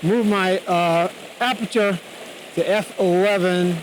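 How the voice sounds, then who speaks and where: A man with a fairly high-pitched voice talks through his camera work in a casual, on-location vlog style. He is outdoors beside a rushing river, raising his voice over the sound of the water behind him. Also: fairly even intonation, low-quality recording. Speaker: photography vlogger. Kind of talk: casual on-location photography tutorial. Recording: loud rushing stream noise.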